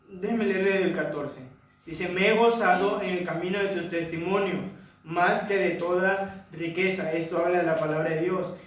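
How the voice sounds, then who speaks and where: A man preaching a sermon to a congregation, asking them rhetorical questions. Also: high-pitched. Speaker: pastor. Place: church hall. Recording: echoey church hall from far off.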